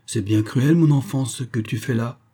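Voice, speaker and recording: A man's voice: mid-range voice, normal speed, dark tone, breathy edge, voice pushed up, natural voice. A man voicing a frail, worried father who pleads tenderly with his daughter, in a read-aloud novel.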